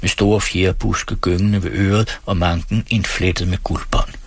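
A man hosting a radio show, reading fiction aloud in a calm, measured way into a studio microphone. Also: deep voice, gravelly, husky, dry recording. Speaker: radio host reading stories.

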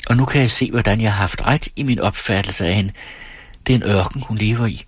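A man's voice: on the low side, husky, dry recording. Man reading as Hans, a brooding man. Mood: wry. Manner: measured, serious, hushed. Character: brooding, earnest man of thirty-one.

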